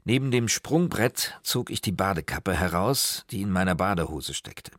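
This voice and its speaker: A man reading a story aloud in calm, even first-person narration, close to the mic. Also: deep voice, normal speed, no echo. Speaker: audiobook narrator.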